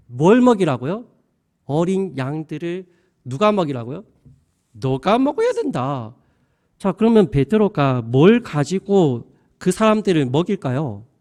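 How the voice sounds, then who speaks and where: A man's voice: fairly high pitch, a little mellow. A male pastor preaching a sermon in a colloquial style, peppering the congregation with rhetorical questions.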